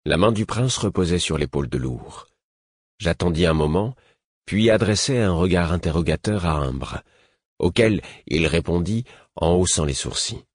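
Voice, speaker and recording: A man reading a novel aloud as a measured narrator in the first person, on a close studio mic. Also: deep voice, expressive, no room sound. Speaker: audiobook narrator. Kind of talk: scripted narration.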